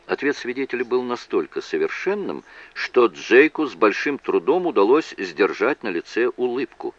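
A man narrating a thriller audiobook in an expressive, dramatic manner. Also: mid-range voice, moderate pace, dry recording, muffled recording.

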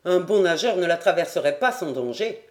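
An audiobook reader voicing a male quartermaster guide who speaks in a firm, calm and assured way. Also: mid-range voice, fairly quick, close to an everyday voice. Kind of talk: audiobook character voice.

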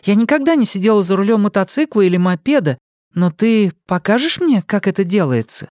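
Audiobook: hopeful, talkative young woman, high and lively, done by a male narrator, dry close sound. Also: moderate pace, no room sound. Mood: eager. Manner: raised, excited delivery.

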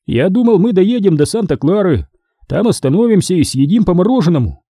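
An eager, careless father brushes off warnings, voiced by a man reading the story. His voice is a little raised and animated, dark and husky. The reading is close and dry. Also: sits high, a little fast, no echo, pitched above the performer's own voice, heavily acted. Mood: disappointed. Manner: excited, defensive.

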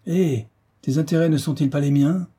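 A man voicing a bold, quick-tempered young hero giving orders in an audiobook reading. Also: on the high side, fairly even intonation, mellow, husky, voice pushed up. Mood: heated.

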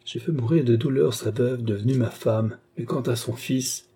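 A man's voice: mid-range voice, moderate pace, creaky, warm tone, breathy edge. A man reading aloud, voicing a dying old man who confesses his crimes in a faint, broken, pleading voice. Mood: confessing.

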